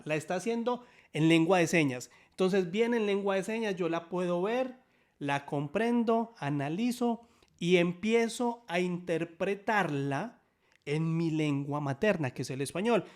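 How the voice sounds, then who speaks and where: A man with a high-pitched voice teaches a sign language lesson in Spanish. He's upbeat and explanatory, often checking in with quick questions.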